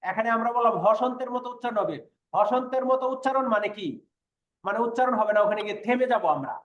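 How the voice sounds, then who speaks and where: A man with a fairly high voice gives an online lesson, patiently repeating sounds and asking his students whether they follow. The recording carries a noticeable room echo. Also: quick pace, lo-fi sound. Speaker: Korean language teacher. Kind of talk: online class lecture.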